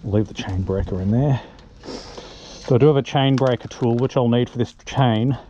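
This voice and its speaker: A man's voice: mid-range voice, moderate pace, warm tone, lo-fi sound. Aussie bloke a bit out of breath chatting while he fixes his bike, helmet cam audio, lots of noise and tool clicks. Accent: Australian. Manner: chatty, self-deprecating, thinking aloud. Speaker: motorbike DIY vlogger. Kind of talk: casual how-to talk while working. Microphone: helmet-mounted action camera.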